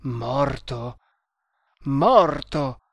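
Brief: male narrator as a proud grieving hunter, forceful, slightly high voice. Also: measured pace, no echo, lightly acted. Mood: despairing. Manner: despairing, forceful.

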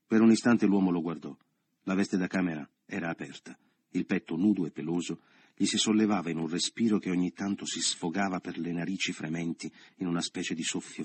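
Deep, husky male audiobook narrator. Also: a little mellow, no echo. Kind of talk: scripted literary narration.

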